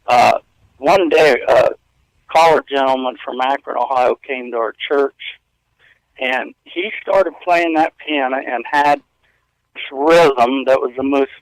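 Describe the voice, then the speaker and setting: A man's voice: mid-range voice, no room sound, poor audio. A man in his fifties telling stories as a radio interview guest, earnest and rambling with frequent chuckles. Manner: earnest, rambling storyteller who chuckles often. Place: hotel room.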